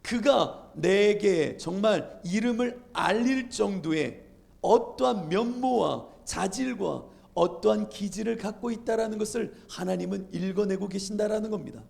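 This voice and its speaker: A pastor preaching a sermon with emphasis, slowing on key phrases and asking the congregation rhetorical questions. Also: male voice, high voice, gravelly, darkish tone.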